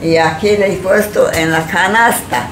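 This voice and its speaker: Older woman, shopkeeper interviewee; low-pitched, repetitive, rambling; recorded in an echoey shop with heavy background noise. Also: fairly even intonation, normal speed. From Peru. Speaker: robbery victim, shopkeeper. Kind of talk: interview testimony. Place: small indoor corner shop.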